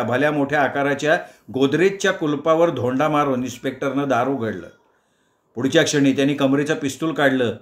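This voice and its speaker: A man reading a humorous story aloud in an expressive, animated storytelling manner. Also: fairly high pitch, echoey room.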